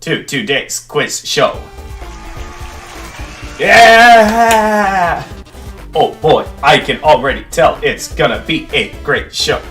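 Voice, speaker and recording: Flashy robot quiz host with a metallic voice, put on by a male player; slow, slightly high, showy announcer delivery over background music. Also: lively intonation, a bit bright. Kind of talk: reading game dialogue aloud.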